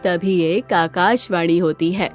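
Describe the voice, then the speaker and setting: A woman narrating a children's moral story in a calm, measured way. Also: fairly low pitch, faint music behind.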